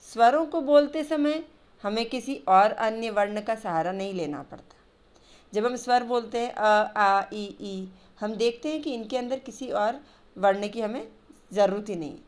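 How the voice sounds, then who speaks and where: A woman's voice: fairly high pitch, a little slow. A woman teaching a grammar lesson to children, patiently spelling out letters and sounds one by one over slides.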